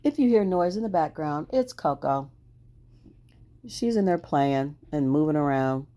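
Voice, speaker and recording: In this casual crafting voice-over, a woman hosts the video, chatting cheerfully through each step and laughing at her own struggles. Her voice is low-pitched and expressive with a dark tone, and she speaks at a measured pace.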